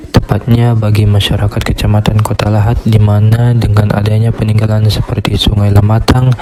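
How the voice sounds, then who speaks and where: A young man, a student, reading his class presentation in a steady, scripted way. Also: on the low side. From Indonesia. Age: young adult. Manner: steady, reads from a script in a flat tone.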